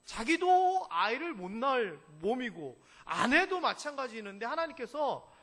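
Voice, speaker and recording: A man preaching a sermon as senior pastor, telling stories in an animated way and asking the congregation questions. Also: extremely high pitch, moderate pace. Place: church sanctuary. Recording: echoey church hall.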